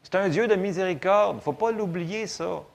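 A man with a Quebec French accent preaching a sermon, conversational and animated, with sudden loud bursts. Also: sits high, fairly quick, gravelly, highs cut off. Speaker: pastor.

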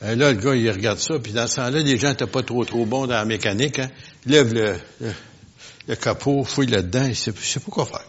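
A male preacher gives a sermon and speaks straight to his congregation, full of questions and asides. He drops to near-murmurs, then surges into loud, forceful declarations. His voice sits at an ordinary pitch on a dull, lo-fi recording. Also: fairly quick. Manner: swings from quiet asides to loud emphatic bursts. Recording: lo-fi, dull sound.

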